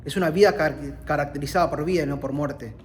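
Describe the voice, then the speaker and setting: A man's voice: fairly high pitch, fast, a little hiss or hum. A man from Argentina with an Argentine accent, preaching a sermon in an earnest way that rises on key points.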